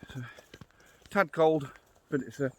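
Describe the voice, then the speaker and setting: A man's voice: medium pitch, a little slow, a bit bright. Middle-aged Yorkshire man chatting on a walk. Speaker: vlogger, walking guide. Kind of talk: casual walking vlog narration. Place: outdoors on a wooded trail. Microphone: phone held at arm's length.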